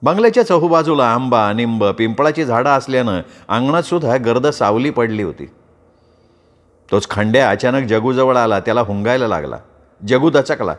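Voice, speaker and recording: A man narrating an audiobook in a measured, descriptive storytelling manner. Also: mid-range voice, lively intonation.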